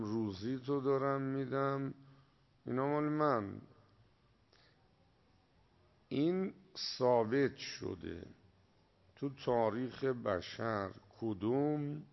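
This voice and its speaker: A man preaching a sermon, drawing out key words slowly and posing rhetorical questions to his listeners. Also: medium pitch, vocal fry. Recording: dull lo-fi recording.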